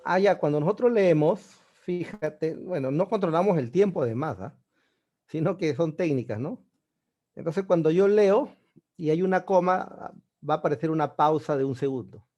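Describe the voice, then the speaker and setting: A man teaches over a video call, walking through each answer patiently and checking in with a quick question. His voice sits a little high, with a soft, mellow tone. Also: lo-fi sound. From Peru. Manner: explains step by step, often checks with "¿ya?". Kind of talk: online exam-prep class.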